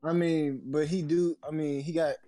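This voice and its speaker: A man's voice: fairly high pitch, flat delivery, moderate pace, dark tone, dry recording, faint music behind. An American man in casual podcast banter, arguing back in a slangy, protesting way.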